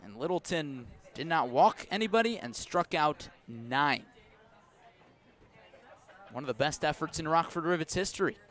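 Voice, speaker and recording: With an animated, slightly bright voice at a moderate pace, an American man broadcasts live baseball on the radio from an outdoor ballpark. He alternates between pitch calls and casual conversational asides.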